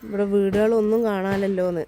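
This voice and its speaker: A woman with a Malayali accent, chatting casually in a family vlog and teasing her child, her voice rough from a lasting cold. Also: mid-range voice, flat delivery, a little fast, warm tone, a little hiss or hum. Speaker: vlogger, mother. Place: outdoors.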